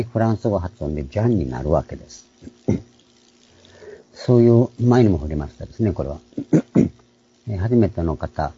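A man with a low, very dark and husky voice gives an online Bible lecture. He explains things step by step and keeps clearing his throat. The audio is dull and lo-fi. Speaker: Bible teacher.

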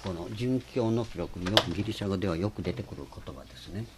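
A man's voice: sits low, expressive, quick pace, very noisy. A man preaching a sermon, explaining earnestly with frequent hesitations.

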